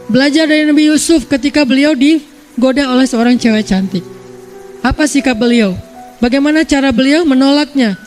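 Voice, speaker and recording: A male Indonesian preacher giving a casual, playful religious talk, acting out everyday examples. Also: very high voice.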